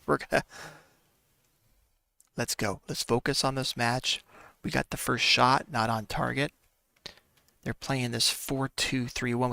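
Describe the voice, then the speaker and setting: Gaming commentator: man with a gravelly, bright voice, dry close mic, chatty and exasperated. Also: mid-range voice, dry recording. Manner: chatty, talks to viewers as folks; sighs and laughs through frustration. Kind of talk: casual gameplay commentary.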